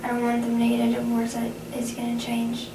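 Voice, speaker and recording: A young adult woman speaking haltingly, often restarting phrases, in a conversational counseling role-play as the client. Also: fairly high pitch, monotone. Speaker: student playing a counseling client. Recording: echoey, distant, noisy room recording.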